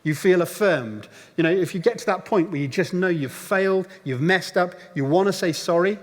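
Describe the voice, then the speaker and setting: A man delivers a sermon as a storyteller, now and then slipping into the voices of the people in his story. His voice sits a little on the higher side. The sound carries the long reverb of a large church hall. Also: moderate pace. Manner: storytelling, acts out voices of the crowd. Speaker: pastor. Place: church auditorium.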